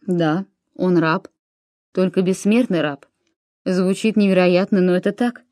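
A woman voicing an aging, weary Roman commander in an audiobook, speaking in a low, grave and reflective way. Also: a little slow, warm tone, no room sound, studio quality, close to an everyday voice. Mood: awed.

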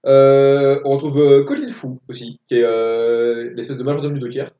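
A man's voice: mid-range voice, little pitch movement, moderate pace. A man co-hosting a casual film podcast, going methodically through facts and dates. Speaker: podcast co-host. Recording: echoey room, distant dull mic.

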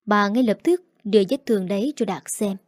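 A woman storyteller reading a family drama as scripted narration, in an even, steady way. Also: medium pitch, fairly quick, dry recording, studio quality.

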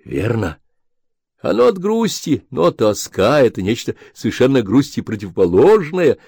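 A man reading the part of a calm, lecturing detective in an audiobook. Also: medium pitch, vocal fry, husky, no echo, studio quality, pitched above the performer's own voice, exaggerated voice. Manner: measured, lecturing. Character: calm, didactic older male detective.

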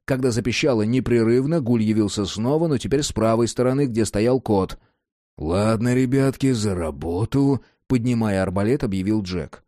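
A man narrating an audiobook with an animated, dramatic reading. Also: fairly low pitch, a little fast, hardly any pauses, no echo, studio quality.

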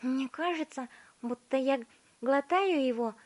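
A woman voicing a spoiled, stubborn girl who chews gum and talks in a shrill, demanding way while humming between bites. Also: measured pace. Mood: bratty, greedy.

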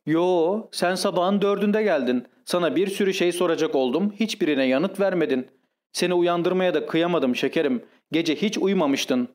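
A man's voice: sits high, moderate pace, few pauses, a little mellow, voice pushed up, lightly acted. A man putting on a flustered young lady. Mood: coaxing.

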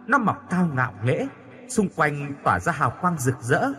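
Man reads gentle ghost daughter, soft and pleading, lively lilt. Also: a little high, moderate pace. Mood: tender. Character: young dead daughter, tender spirit.

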